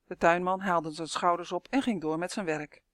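A woman's voice: on the low side, normal speed, no echo, studio quality. Woman reading a fairy tale aloud. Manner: clear, lively storytelling with voiced characters. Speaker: storyteller reading her own story.

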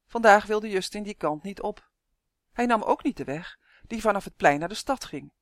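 Steady storybook reader, dry close sound. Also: medium pitch, normal speed, dry recording. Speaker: audiobook narrator. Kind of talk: storybook narration.

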